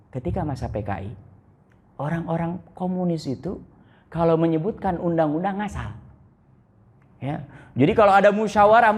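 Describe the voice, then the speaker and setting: A male preacher delivers a casual, storytelling religious lecture, often turning to his listeners with rhetorical questions. His voice climbs high and drops low by turns. The sound rings out with a long reverb, as in a prayer hall. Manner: conversational, asks the audience rhetorical questions; swings widely between high and low pitch.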